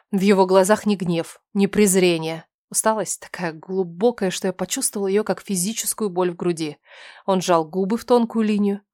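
A woman narrates a first-person story with a tense, emotional reading, often dropping her voice low and soft. Her pitch sits in a middle range, and the recording is dry and close with no room sound. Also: dry recording. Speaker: audiobook narrator.

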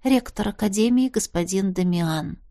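A woman narrating a first-person audiobook in a wry, expressive reading. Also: medium pitch, moderate pace.

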